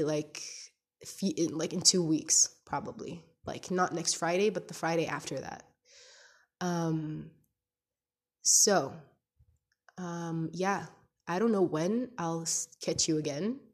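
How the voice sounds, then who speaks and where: A woman's voice: lowish voice, darkish tone, slightly rough. A young woman recording a personal audio diary on her phone at home, talking in a rambling, hesitant way with many restarts. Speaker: podcaster.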